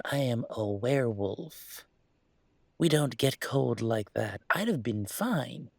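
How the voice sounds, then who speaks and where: In an intimate audio roleplay, a man voices a troubled young male werewolf who confides haltingly, sardonic and self-deprecating, in a teasing mood. His voice is medium-pitched and gravelly, with no room sound.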